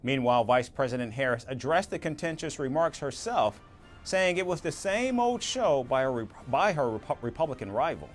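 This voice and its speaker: A man anchoring a news report, reading a script in a measured, even-toned way. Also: mid-range voice, faint music behind.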